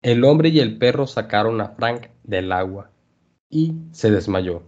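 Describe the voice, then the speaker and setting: A male language teacher reading a story aloud for learners, clear and measured. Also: lowish voice, lively intonation, a little mellow. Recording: dull lo-fi podcast audio.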